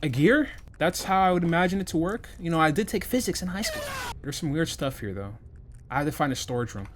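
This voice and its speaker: A man's voice: a little high, expressive, quick pace, a little hiss or hum. A young man rambling and joking to himself as he gives let's play commentary on a horror game. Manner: rambling, self-talking, jokey. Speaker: gaming channel host.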